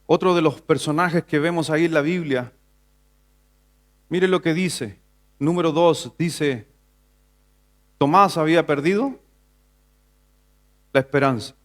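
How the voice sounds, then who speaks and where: A man from Chile, a pastor, preaching a Sunday sermon in church, asking the congregation questions and building to emphatic passages. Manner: preaching with rhetorical questions, rising to an emphatic pitch. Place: church sanctuary.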